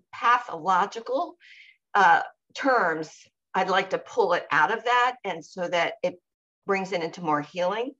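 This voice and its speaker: A woman co-hosting a podcast, sharing her personal experience in a reflective, measured way and pausing to search for words. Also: mid-range voice, fairly bright tone, lo-fi sound. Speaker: podcast co-host.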